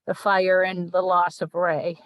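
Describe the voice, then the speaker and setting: An older woman speaking on a video call with a lowish voice. She talks haltingly and emotionally, restarting her sentences often. The sound is dry and close. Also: flat delivery, fairly bright tone, no room sound. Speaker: panelist.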